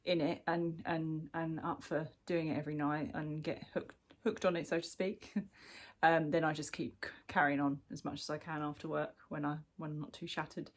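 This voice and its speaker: Congested from a cold, a woman from the UK gives a laid-back crochet work-in-progress update for her vlog, with plenty of ums and restarts in this show-and-tell chat. She speaks at normal speed in a low voice with little pitch movement.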